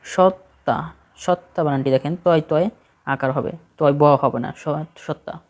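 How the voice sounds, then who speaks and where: A man's voice: a little high, unhurried. A man with a Bangladeshi Bengali accent reads a spelling list aloud for exam prep, steadily correcting each word in short phrases.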